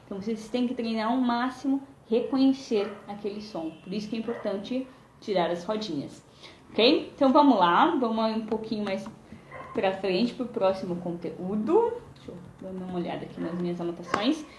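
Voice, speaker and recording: A woman's voice: mid-range voice, lively intonation, normal speed, echoey room, a little hiss or hum. A woman English teacher with a Brazilian Portuguese accent, giving a chatty live lesson and checking in with "né?" and "tá?". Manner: chatty, explains with many "né?" and "tá?" tags. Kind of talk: live-streamed language lesson. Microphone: phone or webcam.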